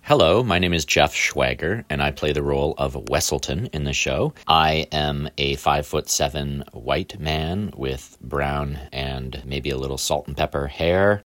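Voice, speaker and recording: Man actor, extremely deep voice, wry, dry close recording. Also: unhurried, few pauses, a bit bright, no room sound. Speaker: stage actor. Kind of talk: audio-description self-introduction.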